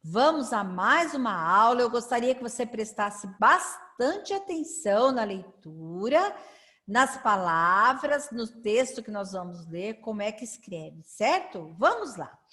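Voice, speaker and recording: A woman's voice: on the high side, sing-song, fairly bright tone. A woman teaching a children's literacy lesson, drawing out syllables and asking the children to read along. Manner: slow, drawn-out syllables for children to repeat; sing-song, encouraging classroom prompts.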